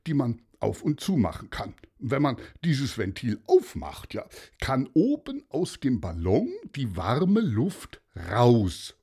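A man reads a children's story aloud at a slow, unhurried pace. His voice is slightly husky, and its pitch moves a lot. He explains things gently and sometimes repeats small words.

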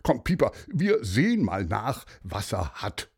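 Man playing a calm old retired detective. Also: fairly low pitch, a little slow, creaky, husky, full character voice. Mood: soothing. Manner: calm, hesitant with "äh". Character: retired male police detective, calm and kindly older man. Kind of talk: children's story reading.

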